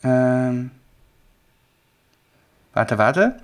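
A man hosting a casual podcast chat, lively and jokey, talking into a close microphone. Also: medium pitch, very slow. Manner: lively, jokey, talks with a pen in his mouth at times.

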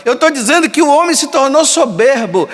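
Emphatic high-voiced priest. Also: male voice, expressive, a little fast, a bit bright. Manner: emphatic, acts out imagined dialogues. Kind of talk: sermon. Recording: long hall reverb.

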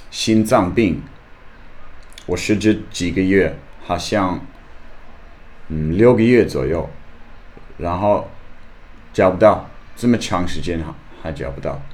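A deep-voiced, slightly mellow foreign man from Australia speaks slow, non-native Mandarin. He hosts a podcast and gives a casual personal monologue, halting and searching for words in simple learner phrasing.

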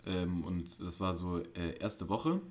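A man's voice: deep voice, lively intonation, slow, a little mellow. A young man co-hosting a podcast, chatting casually, joking around and telling stories. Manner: joking, storytelling, self-styled class clown. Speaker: podcast co-host. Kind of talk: casual chat.

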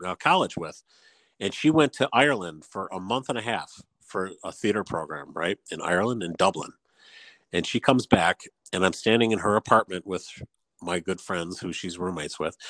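A man's voice: fairly low pitch, a bit bright, no echo. A man in casual chat, telling stories and laughing often. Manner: chatty storyteller, laughs often.

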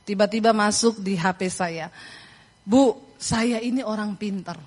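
A woman's voice: mid-range voice, measured pace, a little mellow. A middle-aged woman from Indonesia preaching a sermon, telling a story with laughter and acting out voices.

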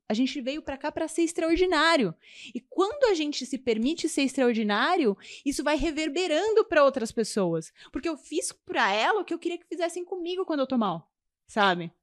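A woman mentor telling stories on a podcast in a casual chat, animated and acting out the quotes. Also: fairly quick. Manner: animated, acts out quotes, swings her pitch a lot.

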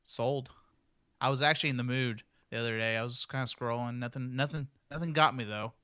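A man's voice: medium pitch, brisk, sharp tone, smooth, no echo, clean studio sound. A man with a Southern US accent co-hosting a casual podcast chat, teasing and joking. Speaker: podcast co-host.

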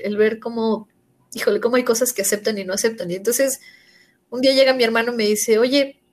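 Animated Mexican woman telling stories. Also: fairly high pitch. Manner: animated storyteller acting out quoted voices. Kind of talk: casual chat.

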